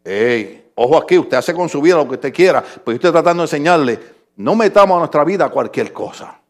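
A middle-aged pastor giving a joking, conversational sermon, calling out to the congregation and sometimes shouting. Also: male voice, a little high, lively intonation, brisk. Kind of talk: humorous sermon.

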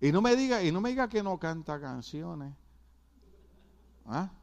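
A man's voice: high voice, sing-song, measured pace, gravelly, darkish tone. A middle-aged man from Puerto Rico with a Puerto Rican accent, preaching a sermon with emphatic repetition and asides to the congregation. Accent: Puerto Rican Spanish. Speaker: pastor.

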